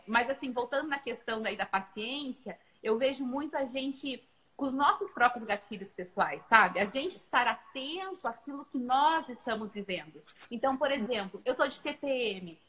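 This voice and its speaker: A woman's voice: sits high, low-quality recording. A woman in her thirties, a mother, chatting earnestly about parenting and telling stories from home. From Brazil. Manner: earnest, animated storytelling. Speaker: mother and co-host. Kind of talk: casual parenting chat.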